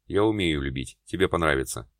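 A man's voice: very deep voice, expressive, a little fast, no room sound, studio quality. A male narrator voicing a strong, pushy man who insists and growls his lines. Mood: insistent.

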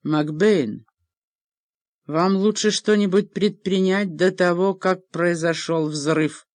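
Gruff highland warrior guy, lady reading him, blustering, dry close sound. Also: fairly even intonation, slow pace, darkish tone, dry recording. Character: gruff middle-aged male Highland warrior.

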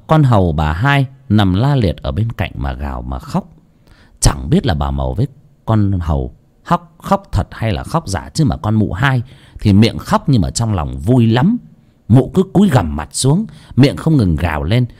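A man's voice: fairly low pitch, darkish tone. A man narrating a village ghost story in a dramatic, suspenseful way.

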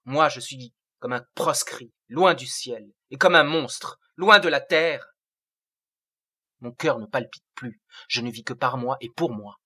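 A man's voice: medium pitch, unhurried, pushed and bright, slightly rough. A man voicing a sorrowful, otherworldly seraphic being who speaks in solemn, lofty declamation. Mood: exalted.

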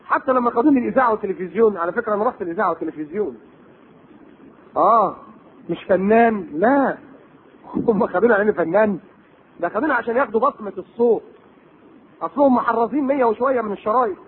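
A man's voice: high-pitched, slight background noise. A man with an Egyptian accent giving a religious lecture, full of rhetorical questions and sarcastic asides. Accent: Egyptian Arabic. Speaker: preacher. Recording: tinny lo-fi tape recording.

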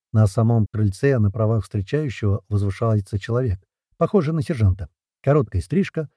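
A man narrating a first-person fantasy audiobook in an expressive, lively storytelling manner. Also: medium pitch, breathy edge, no room sound, studio quality.

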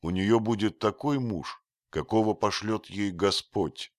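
A man voicing a blunt, hot-tempered young archer who speaks loudly and forcefully in a read-aloud story. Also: fairly low pitch, a little slow, no room sound, clean studio sound, pitched above the performer's own voice, close to an everyday voice. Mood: gruff. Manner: loud and forceful.

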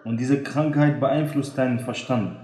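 A man's voice: medium pitch, steady tone, unhurried, warm tone, lightly acted. A man voicing a sad teenage girl who feels unloved by her mother, reading her lines in a plaintive, earnest way. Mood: sorrowful. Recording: echoey room.

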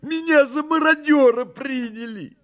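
A man voicing a boisterous talking tomcat, a fussy jester who speaks in an excitable, shrill, theatrical way. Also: a little slow. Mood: excited.

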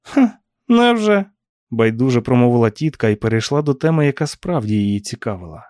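A man reading an audiobook in a calm, measured, low-key way. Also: dry recording, studio quality. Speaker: audiobook narrator. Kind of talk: audiobook narration.

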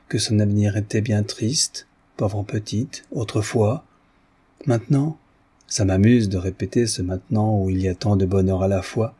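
A man's voice: lowish voice, mellow, slightly rough. A man reading aloud and voicing a coquettish, anxious young wife who pleads tenderly with her husband. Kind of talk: audiobook reading.

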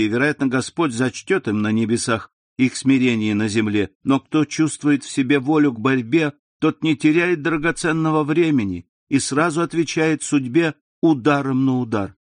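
A man's voice: mid-range voice, no echo, close to an everyday voice. A man voicing a proud young man in love, speaking in an earnest, insistent way.

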